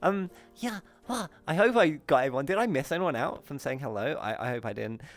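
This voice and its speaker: A man hosting a live stream, chatting casually and excitably with viewers and pronouncing his r's as w's. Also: fairly high pitch, a little fast. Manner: says w for r. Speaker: host of a live streamed show.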